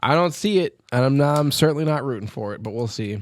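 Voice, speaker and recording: A man co-hosting a podcast with casual, rambling sports banter, excitable and freely swearing. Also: medium pitch, fast talker, no room sound. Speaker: podcast co-host.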